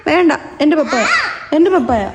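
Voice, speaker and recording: High-voiced mother teasing her toddler. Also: animated, a little fast, darkish tone, muffled recording. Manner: teasing, singsong baby talk to a toddler. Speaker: mother in a family video. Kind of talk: playful family chat. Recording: echoey room with long reverb.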